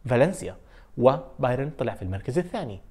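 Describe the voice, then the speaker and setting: A man with a Levantine Arabic accent hosting a football countdown video, telling the stories in a fast, animated way with frequent fillers. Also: mid-range voice, breathy edge. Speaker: sports video host. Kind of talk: energetic football countdown commentary.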